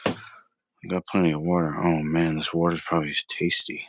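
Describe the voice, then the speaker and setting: This man speaks low, with little pitch movement, at a moderate pace over slight background noise. On his live cooking stream he rambles casually in slang, argues with chat as he cooks and repeatedly says "bro."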